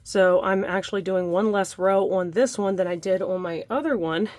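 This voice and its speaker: A woman's voice: medium pitch, normal speed, darkish tone, no room sound. A young adult woman leading a casual crochet tutorial at home, chatty and laughing often, breathing heavily from the effort. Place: home room by a window.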